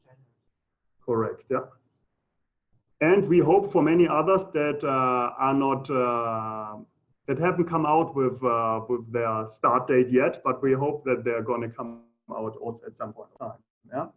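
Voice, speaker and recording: A man from Germany with a German accent, giving an informal presentation in a halting, hesitant way. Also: medium pitch. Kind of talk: informal conference presentation with audience questions. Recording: muffled phone-like audio.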